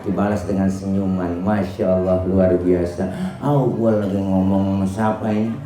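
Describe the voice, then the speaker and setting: A man's voice: sits low, little pitch movement, moderate pace. A man with a Betawi accent preaching a humorous Islamic sermon, joking and telling stories to the audience at a home gathering. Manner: joking, slangy and storytelling, addressing the audience directly. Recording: echoey room, faint background noise.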